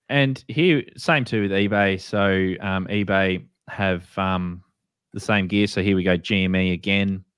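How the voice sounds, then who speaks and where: A man with an Australian or New Zealand accent and a low-pitched, clean-toned voice co-hosts a radio hobby show. He explains products to beginners in a casual, informal chat, recorded dry with clean studio sound.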